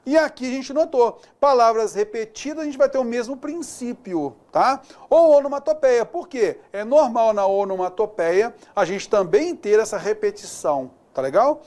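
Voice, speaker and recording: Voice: medium pitch, animated, moderate pace, hardly any pauses, darkish tone. A Brazilian-accented grammar teacher in a recorded exam-prep lesson. The talk is chatty, with constant check-ins to the student. Examples are worked through aloud, often said twice. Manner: chatty, keeps checking in with the listener; walks through examples aloud, repeating words.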